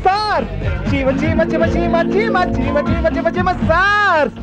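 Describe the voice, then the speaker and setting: An actor playing a flustered student who pleads and babbles in a comic film scene. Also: male voice, very high voice, sing-song, fairly quick, over loud music. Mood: excited.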